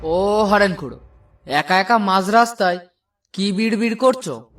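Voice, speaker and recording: A man's voice: high voice, unhurried, far from the mic, over music. A man voicing a village man in a cartoon who tells the local news plainly. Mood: calm. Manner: matter-of-fact storytelling.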